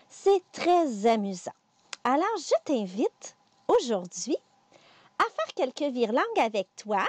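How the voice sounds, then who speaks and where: A woman's voice: high-pitched, no echo. A woman with a Quebec French accent, a counselor leading children through tongue twisters in a playful, encouraging way. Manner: slow, animated, encouraging, speaks directly to a child.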